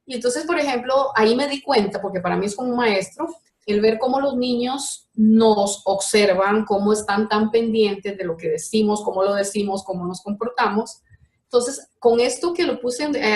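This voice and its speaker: A woman in casual conversation who tells a story with lively animation and quotes a child as she goes. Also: mid-range voice. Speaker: participant. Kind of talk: casual chat. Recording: echoey room.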